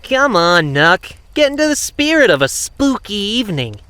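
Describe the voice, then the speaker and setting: A man plays a young cartoon hedgehog hero, bright and high for a male voice. He is cocky and playful, with a breezy theatrical delivery that leaps around in pitch, recorded very dry. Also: big pitch swings, moderate pace, clean tone, dry recording, heavily acted. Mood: teasing. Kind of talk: animated audio drama acting.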